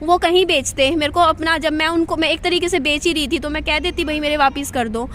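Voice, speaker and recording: Woman, high-pitched, casual home vlog, venting, repetitive, faint background noise. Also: fairly even intonation, fairly quick, fairly bright tone. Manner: chatty, venting, repeats herself. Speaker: vlogger.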